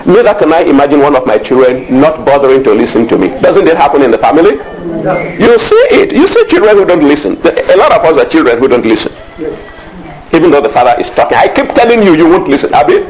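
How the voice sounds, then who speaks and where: A man's voice: a little high, a little mellow, low-quality recording. A man preaching a sermon as pastor. He calls out to the congregation, asks them questions and often adds hallelujahs. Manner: call-and-response preaching, frequent hallelujahs.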